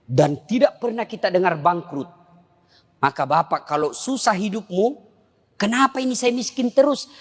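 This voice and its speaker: A man delivers a humorous sermon with a bright, cutting tone, leaping between high and low voices. He throws rhetorical questions at his listeners. His voice rings through the long reverb of a large hall. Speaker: Islamic preacher.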